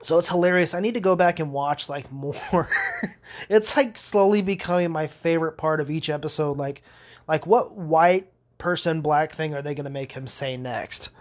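Laughing and cursing freely, a young man hosting a podcast wanders through his stories in a relaxed solo monologue. He speaks at a moderate pace with a fairly high pitch.

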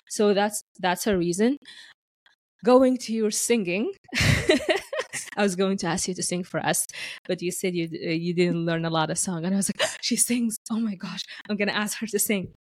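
A woman's voice: mid-range voice, no echo. A woman from Sudan chatting casually as the host of a podcast. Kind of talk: casual chat.

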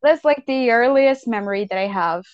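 A woman co-hosting a podcast, chatting in an animated, playful way. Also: a little high, clear, resonant tone, no echo, dull audio. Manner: animated, playful, quick laughs. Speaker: podcast co-host. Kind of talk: casual chat.

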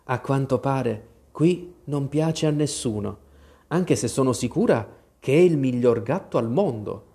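A man's voice: medium pitch, lively intonation, a little slow, warm tone. A man voicing an earnest, apologetic young girl in a storybook reading. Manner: eager, pleading.

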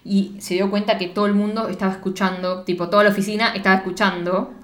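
A young woman with a Rioplatense Spanish accent, co-hosting a casual chat and retelling a film plot in an animated, giggly way, acting out the lines. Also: mid-range voice, quick pace. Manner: animated storytelling, giggly, acts out quotes. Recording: echoey room.

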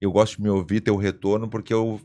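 A man hosting a podcast in casual chat, joking and laughing often with quick asides. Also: fairly low pitch, flat delivery, dark tone, slight background noise. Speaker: podcast host.

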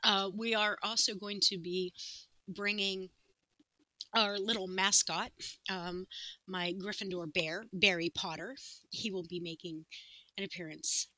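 Woman, 40s, podcast co-host; playful and giggly, very bright tone, dry close recording. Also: medium pitch, fairly even intonation, dry recording, low-quality recording. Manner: giggly, playful, quick to laugh. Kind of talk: casual chat.

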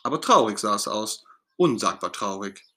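Man, children's story narrator, gentle and expressive, animated pitch, bright timbre. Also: moderate pace.

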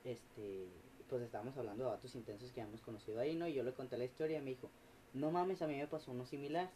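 A man, a podcast guest telling a story in animated, slangy, swearing casual chat. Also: medium pitch, fast talker, a little hiss or hum.

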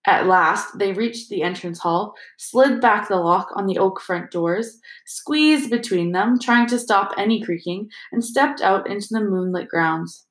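A woman narrating a fantasy novel as an audiobook, in a steady storytelling manner. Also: mid-range voice, measured pace, hardly any pauses. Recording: roomy echo.

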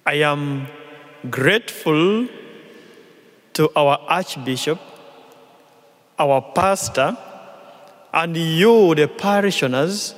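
A man with a Ugandan accent preaches a homily in a large church, placing each short phrase slowly and deliberately. His voice sits somewhat high for a man. The sound carries a long reverb from the church hall. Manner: slow, deliberate, phrase-by-phrase delivery. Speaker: visiting priest. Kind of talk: mission appeal homily at Mass.

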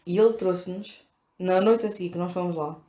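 Her voice fairly low and her pace a little fast, this European Portuguese woman co-hosts a casual chat. She tells chatty, animated stories loaded with fillers, and the room echoes.

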